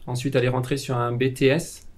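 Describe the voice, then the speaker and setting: A man's voice: medium pitch, little pitch movement, a little fast. A French man presenting vocational training programs, speaking with many fillers and restarts. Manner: hesitant, frequent fillers and restarts. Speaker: vocational school staff member.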